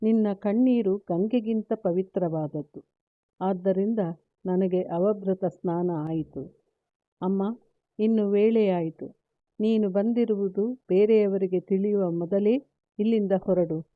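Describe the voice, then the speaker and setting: A woman's voice: medium pitch, takes it slowly, no room sound, natural voice. A woman reading a solemn grieving warrior son. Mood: resolute. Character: grieving noble male warrior son, resolute. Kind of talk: read-aloud epic storytelling. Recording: tinny phone-like, dry.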